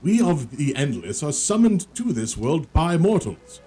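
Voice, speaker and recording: An ancient dragon of a fantasy game, voiced by a man, speaks in a solemn dragon voice. The delivery is slow and grand, with archaic phrasing and wide swings in pitch. Faint music plays behind. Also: big pitch swings, dark tone, husky, full character voice. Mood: grave, stately. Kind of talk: reading video game dialogue in character.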